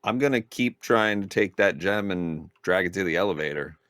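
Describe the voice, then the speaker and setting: Deep, bright-edged male player, dry. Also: animated, moderate pace, dry recording. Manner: chuckling, loose and playful. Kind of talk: tabletop game play.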